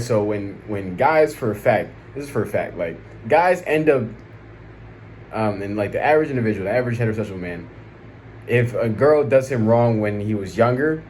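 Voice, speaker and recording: Low-voiced American man chatting casually over noise. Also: darkish tone. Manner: slangy, conversational, frequent check-in tags. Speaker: vlog host. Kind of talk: casual chat, rambling opinion to camera. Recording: noticeable background noise.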